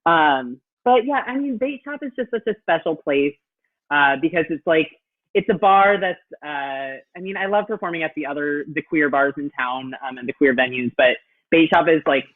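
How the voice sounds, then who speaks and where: A man's voice: fairly high pitch, normal speed, dry recording. Drag queen contestant, casual and hesitant, tinny call audio. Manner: hesitant, filler-heavy. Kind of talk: casual chat.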